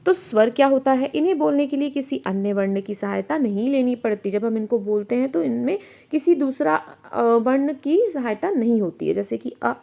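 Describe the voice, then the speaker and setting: A woman teaching a grammar lesson for children. She asks questions and answers them herself, and she slows down to sound out letters and example words. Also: fairly high pitch, vocal fry, warm tone.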